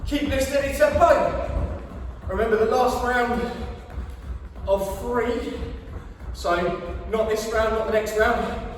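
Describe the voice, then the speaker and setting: High-pitched, echoey male fitness coach, upbeat and encouraging. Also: takes it slowly, a little hiss or hum. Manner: upbeat, encouraging, energetic call-outs while exercising; jokey, chatty. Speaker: fitness coach leading a home HIIT workout. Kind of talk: live workout instruction with casual chat. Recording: very echoey room, distant mic, faint music.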